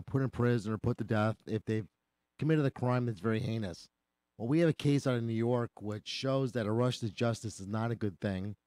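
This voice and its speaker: Brief: man, lawyer guest on talk radio, earnest and explanatory, slight cold in the voice, warm tone, dry studio sound. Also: mid-range voice, dry recording. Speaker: attorney guest.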